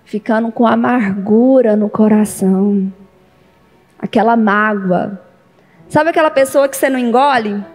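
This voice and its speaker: A woman's voice: on the high side, unhurried, a little mellow, long reverb tail, soft background music. A woman from Brazil, a bishop preaching an emphatic sermon and asking the congregation questions. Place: large church hall.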